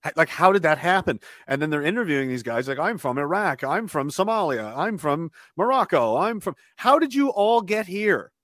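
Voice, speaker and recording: A man's voice: a little high, big pitch swings, normal speed, hardly any pauses, a bit bright, no room sound. Rambling man, dry close sound. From Canada. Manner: rambling, restarts phrases, chuckles mid-sentence. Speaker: podcast guest. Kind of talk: casual podcast conversation.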